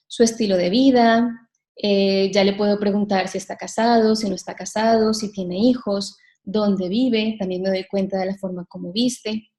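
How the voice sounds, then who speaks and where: A woman leading a live sales workshop, talking straight to her audience with frequent questions and shifting her pace and loudness to stress points. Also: mid-range voice, fairly even intonation, moderate pace. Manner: addresses the audience directly with frequent rhetorical questions. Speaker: sales trainer.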